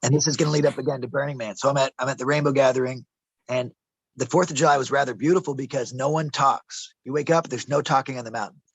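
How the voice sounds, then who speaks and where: A man with a medium-pitched, gravelly, slightly rough voice talks fast in a steady tone, telling rambling, conspiratorial stories during a casual interview at an outdoor desert camp. He calls the listener "bro" and "man" and stumbles over some words. The audio is poor, with no echo.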